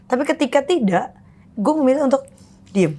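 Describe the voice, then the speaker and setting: Perempuan bercerita santai di podcast. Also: female voice, high-pitched, expressive, moderate pace, mellow, husky. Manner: candid, storytelling, mixes English phrases. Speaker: podcast guest, actress and mother. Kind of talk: casual podcast chat.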